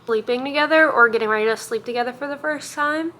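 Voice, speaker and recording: A woman's voice: sits high, fast. Chatty young woman book vlogger. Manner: chatty, candid, often drops to a hushed voice at night. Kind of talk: casual vlog chat.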